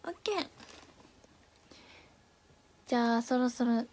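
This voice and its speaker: A woman's voice: on the high side, slow, darkish tone. A young woman chatting casually with viewers on a live stream, playful and giggly as she reads and answers their comments.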